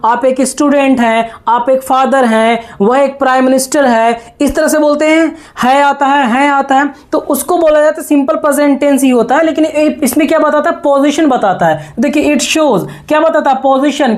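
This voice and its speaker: High-voiced woman teaching grammar. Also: darkish tone. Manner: slow, repetitive, checks understanding often. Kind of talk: classroom lesson explaining grammar.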